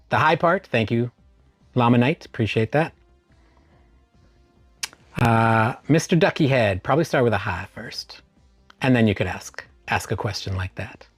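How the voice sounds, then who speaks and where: A man's voice: medium pitch, no room sound. A man hosting a casual live stream, greeting viewers by name and spelling out chat commands.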